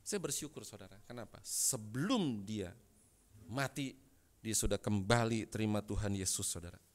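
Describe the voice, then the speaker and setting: A pastor preaching a sermon in dramatic storytelling style, dropping to quiet asides and rising to loud emphatic bursts. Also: male voice, on the low side, expressive, normal speed. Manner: dramatic storytelling, frequent address to listeners as brothers and sisters.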